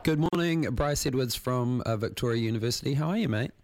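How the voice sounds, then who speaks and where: Croaky New man, creaky starts. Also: medium pitch, fast, noisy background. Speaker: radio show host. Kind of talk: live interview, casual.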